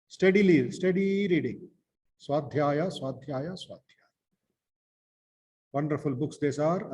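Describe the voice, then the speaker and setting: A South Indian man speaks as a monk leading an informal spiritual class. His voice sits a little high for a man. He talks in short, halting phrases and often repeats a word to stress it. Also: a little mellow.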